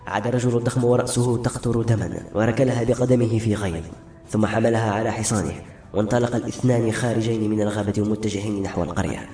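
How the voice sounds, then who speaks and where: A man reads a fantasy novel aloud in a steady, quick storytelling flow. His voice sits low and mellow. The recording is roomy, with soft music playing underneath. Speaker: narrator. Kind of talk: audiobook narration of a fantasy novel.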